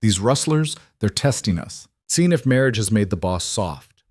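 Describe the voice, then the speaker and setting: A man's voice: lowish voice, lively intonation, normal speed, a little mellow, no room sound, studio quality. A man playing a loyal ranch foreman who reports in an urgent, respectful way.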